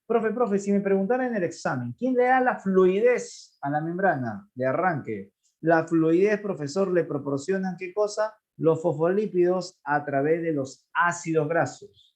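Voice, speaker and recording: A man teaching biology, lively, asking questions and answering them himself. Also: high voice, a little slow. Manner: animated, asks and answers his own questions, voicing students. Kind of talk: online class lecture.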